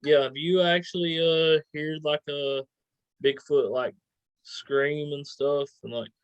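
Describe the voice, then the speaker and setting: A man's voice: fairly high pitch, steady tone, slow pace, clear, resonant tone, dry recording. A man chatting casually as an interviewer, informal and a bit hesitant. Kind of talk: casual chat. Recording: dull, dry, lo-fi sound.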